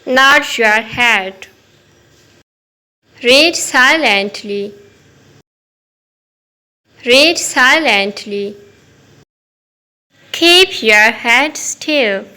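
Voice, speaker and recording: Slow, bright woman teaching phrases. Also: fairly high pitch, expressive, poor audio. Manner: slow, clear, each phrase said twice. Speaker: English teacher. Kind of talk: repeating phrases for learners.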